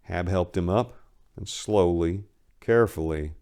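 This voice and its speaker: A man with a smooth, low-pitched voice reads a dark horror story dramatically, his delivery intense, theatrical and carefully measured.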